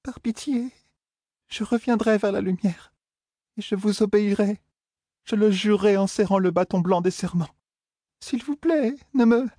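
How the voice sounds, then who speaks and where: A man's voice: high voice, normal speed, long pauses, dark tone, dry recording, studio quality, pitched above the performer's own voice. A man reading an audiobook, voicing a beaten captive woman desperately begging for mercy.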